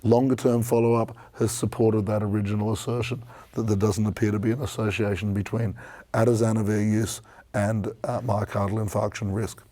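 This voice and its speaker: A man with a hoarse, croaky voice presenting an expert conference review in a measured, explanatory way. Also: on the low side, little pitch movement, mellow. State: croaky from a strained voice this week.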